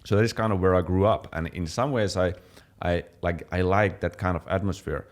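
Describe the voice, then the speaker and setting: A young man from Finland chatting casually as a fitness channel co-host, relaxed, with many fillers and restarts. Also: sits low, a little fast. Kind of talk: casual chat.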